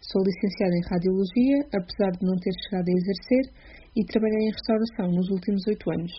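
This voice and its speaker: Flat-voiced Portuguese woman reading aloud. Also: mid-range voice, fast, a little hiss or hum. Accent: European Portuguese. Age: 20s. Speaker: guest giving a testimony. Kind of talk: reading a prepared testimony. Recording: dull lo-fi recording.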